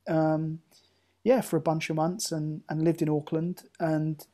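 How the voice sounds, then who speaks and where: Guy actor rambling thru stories, mellow tone, keeps restarting. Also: on the high side, flat delivery, a little slow. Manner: rambling anecdotes with many restarts. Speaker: actor guest. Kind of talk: casual interview chat. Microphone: remote call.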